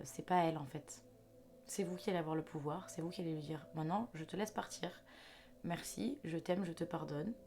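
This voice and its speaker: Gravelly low-voiced woman giving a reading. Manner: chatty, reassuring, restarts and fillers. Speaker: intuitive card reader. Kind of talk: casual spoken reading to viewers.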